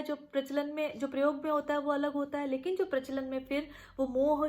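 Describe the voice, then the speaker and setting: A middle-aged woman, giving an online college lecture from home in an explanatory manner, often pausing on fillers and restarting phrases. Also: high voice. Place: teaching from home.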